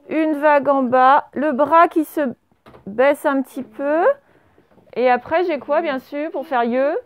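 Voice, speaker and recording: A woman's voice: high-pitched, no echo, phone-quality sound. A woman teacher giving a classroom dictation, spelling words out letter by letter and quizzing her pupils. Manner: asks pupils questions and praises answers. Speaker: primary school teacher.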